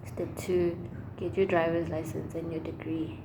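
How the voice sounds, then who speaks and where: A young woman with a slightly low voice talks in a casual, chatty vlog style. She rambles expressively and leans hard on her slangy phrases. There is clear background noise around her. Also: level tone, moderate pace. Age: young adult. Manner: emphatic, slangy. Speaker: vlogger. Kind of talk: casual chat to camera.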